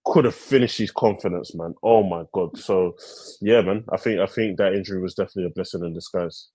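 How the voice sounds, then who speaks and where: A man's voice: low-pitched, fairly quick, warm tone, slightly rough, dry recording. A young man co-hosting a football podcast in slangy casual chat, calling the others brother and bro. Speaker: podcast co-host.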